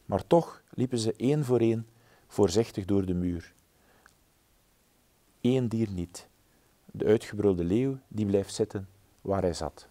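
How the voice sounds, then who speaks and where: A man reading a children's story aloud, gentle and measured. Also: fairly low pitch. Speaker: storybook reader.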